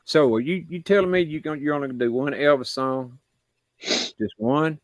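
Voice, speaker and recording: A man with a raspy voice, a guest singer chatting in a folksy, lively way. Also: on the high side, normal speed, dry recording. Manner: folksy, lively, swears freely. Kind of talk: casual chat.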